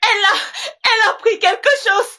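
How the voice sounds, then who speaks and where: A woman's voice: sits high, lively intonation, normal speed, a bit bright. A woman dubbing a middle-aged scheming mother who fakes panic over her daughter, pleading and sobbing. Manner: frantic, pleading, fake sobbing. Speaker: mother in a dubbed film. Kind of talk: French film dub acting.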